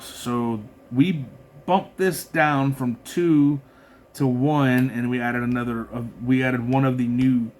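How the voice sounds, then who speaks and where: A man casually walking through his card game deck, reading card effects aloud with lots of fillers and restarts. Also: mid-range voice. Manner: rambling, filler-heavy, reads card text aloud with frequent restarts. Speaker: card game content creator.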